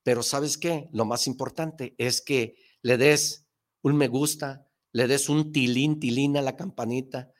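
A man hosting a motivational talk show, speaking emphatically with slangy rhetorical questions and bursts of excitement. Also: mid-range voice, a little slow.

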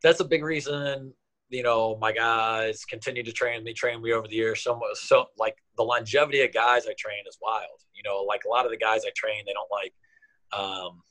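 A man in his thirties tells coaching stories in a relaxed interview. His voice sits fairly low and jumps up sharply whenever he acts out a conversation. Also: normal speed, low-quality recording. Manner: animated, acts out quotes with raised voice. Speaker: athletic trainer, guest. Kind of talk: casual interview storytelling.

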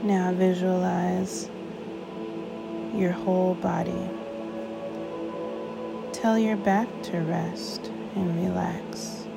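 A woman guides a sleep meditation like a sleep story narrator, soothing and unhurried, with long pauses between short phrases. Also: fairly low pitch, little pitch movement, creaky. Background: music.

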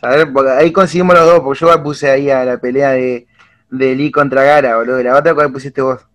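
A young man with an Argentine accent, chatting casually and retelling scenes with excitement and slang. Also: medium pitch, fairly quick. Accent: Argentine Spanish. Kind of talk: casual chat.

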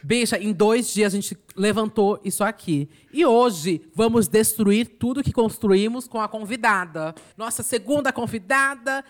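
A podcast co-host chatting casually in a campy drag-queen manner, theatrical and full of drawn-out slang. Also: mid-range voice. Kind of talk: casual chat.

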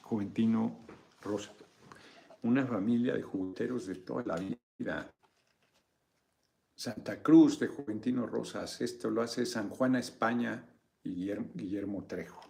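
A man's voice: lowish voice, measured pace, gravelly, darkish tone, husky. A man with a Mexican accent hosting a casual live video chat, joking, swearing freely and thanking viewers for donations.

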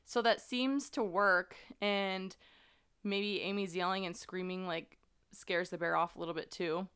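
Woman podcast host, lowish clear voice, chatty true-crime retelling. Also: fairly even intonation, measured pace, a bit bright. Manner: conversational, many fillers, earnest. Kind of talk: casual true-crime storytelling.

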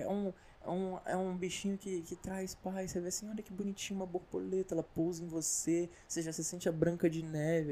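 A man's voice: a little high, dark tone. Rambling slangy Brazilian man. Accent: Brazilian Portuguese. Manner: rambling, slangy, full of restarts and asides. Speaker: vlogger. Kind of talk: comedic casual monologue.

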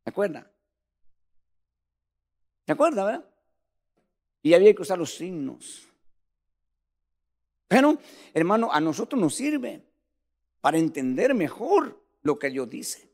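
A man's voice: high voice, big pitch swings, a little slow, long pauses, a little mellow, big-room sound. A man preaching a sermon in a fervent, emphatic way, speaking straight to the congregation.

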